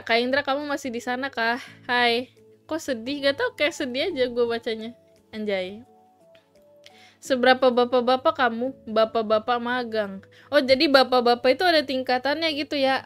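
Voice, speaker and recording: Chatty high-voiced woman streamer. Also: fairly bright tone, clean tone. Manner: chatty, giggly, reads chat aloud; playful, teasing, mixes in English. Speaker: livestream host. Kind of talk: casual chat.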